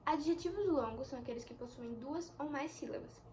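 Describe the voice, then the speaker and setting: A young woman teaching an English lesson in a chatty way, explaining slowly with examples. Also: sits high, darkish tone, slight background noise. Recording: echoey room with faint ambience.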